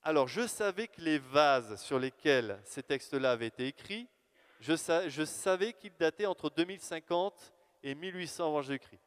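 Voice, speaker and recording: Man, lecturer, conversational, lively, resonant voice, long reverb. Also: on the high side, normal speed, smooth. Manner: lively, conversational, thinking aloud with fillers. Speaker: lecturer presenting his research. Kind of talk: live lecture to an audience.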